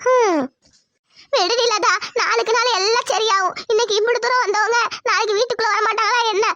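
A woman's voice: extremely high pitch, steady tone, fairly quick, pushed and bright, no echo, dull audio, voice pushed up. A woman voicing an older village mother-in-law, giving bossy, motherly advice in a cartoon. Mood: reassuring.

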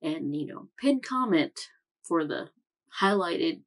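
Her low voice has lively intonation, and she takes her time. This young anime reaction host recaps casually from home, with a lot of fillers and self-corrections.

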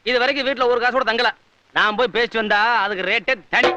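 A man's voice: very high-pitched, fast talker, dry recording, highs cut off, faint music behind. An actor playing a cheeky young musician who banters with his partner and turns fierce in defending his family. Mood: bantering. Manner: cheeky banter, then furious shouting. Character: cheeky younger male musician, hot-tempered brother. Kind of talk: 1980s-90s Tamil film dialogue.

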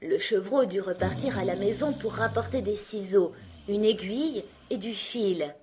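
A woman narrating a fairy tale for a children's audiobook, in an expressive, clear storytelling way. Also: mid-range voice, normal speed, background noise.

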